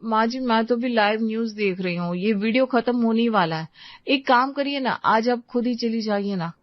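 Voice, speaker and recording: A woman's voice: on the high side, moderate pace, no echo, muffled recording, natural voice. A woman voicing a young wife who is absorbed in her phone and politely brushes others off. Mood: dismissive.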